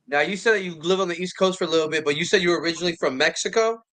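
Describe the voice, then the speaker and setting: A man's voice: fairly high pitch, rapid-fire, fairly bright tone. A man co-hosting an interview, asking questions with joking, playful asides. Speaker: co-host. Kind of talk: casual interview chat.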